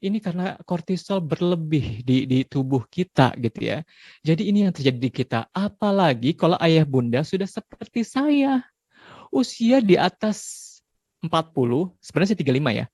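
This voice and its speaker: A man's voice: fairly high pitch, animated, moderate pace, darkish tone, no echo. Conversational man in his forties, dry sound. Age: 40s. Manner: conversational, peppers speech with tag questions. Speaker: parenting speaker. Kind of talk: parenting seminar talk.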